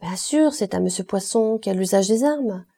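Woman reads coy suggestive matron, mellow and raspy, storybook. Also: medium pitch, animated, moderate pace. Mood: insinuating. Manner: coyly insinuating. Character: prim older woman, sly and suggestive.

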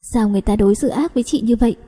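A woman reader doing a tearful, gentle young woman. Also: on the high side, very fast, husky, long reverb tail. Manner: choked, tearful.

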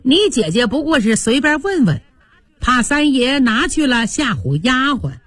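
A woman voicing a sensible young maid who explains calmly. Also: high-pitched, unhurried, slightly rough, dry recording, voice pushed up, exaggerated voice. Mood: soothing.

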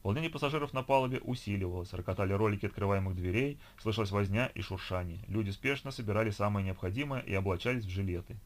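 A man with a fairly low voice narrates an audiobook, reading a script in an even, measured way.

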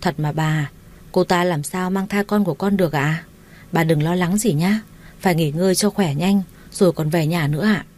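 A woman's voice: on the low side, moderate pace, a little mellow, lightly acted. Woman reading as a cold, curt young husband. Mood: gentle. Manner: curt, dismissive.

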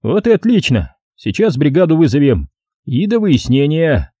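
A man's voice: fairly high pitch, sing-song, moderate pace, dark tone, breathy edge, no echo, studio quality, voice pushed up. A man voicing a young police sergeant who speaks firmly and officially. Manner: official, firm.

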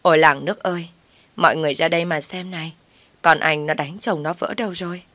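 Brief: complaining old mother-in-law, shrill and low-pitched, read by a woman narrator, storybook. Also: a little fast, sharp tone, no room sound. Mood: aggrieved. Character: scheming older mother-in-law, wailing and accusing.

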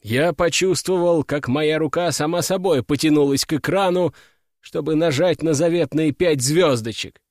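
A man reading a first-person fantasy audiobook in a wry, even storytelling manner. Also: on the high side, normal speed, no room sound, studio quality. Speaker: audiobook narrator.

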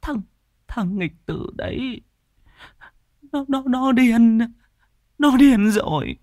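A man's voice: mid-range voice, huge pitch swings, normal speed, gravelly, husky, no room sound, clean studio sound, voice pushed up, heavily acted. Man putting on a wailing, stammering old mother. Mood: terrified wailing. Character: old mother, hysterical with grief and terror.

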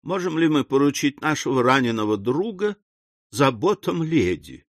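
Guy doing a stuffy stately old gent, measured and proper, dry sound. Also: mid-range voice, big pitch swings, no room sound. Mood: pompous. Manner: pompous, measured, formal. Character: pompous, stately elderly gentleman.

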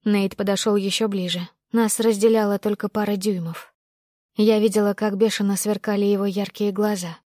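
A woman's voice: mid-range voice, level tone, normal speed, mellow, no echo. Female audiobook narrator, dry close sound. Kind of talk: first-person novel narration.

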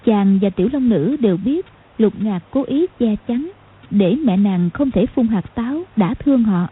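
A woman narrating an audiobook in a steady storytelling manner. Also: mid-range voice, normal speed, breathy edge, phone-quality sound. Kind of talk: scripted narration.

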